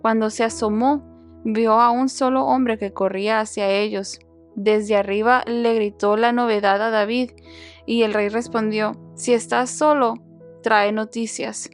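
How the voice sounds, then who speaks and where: A woman reading a Bible passage aloud for a podcast in a steady, measured storytelling voice. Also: fairly high pitch, faint music behind. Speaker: Bible reader, podcast host.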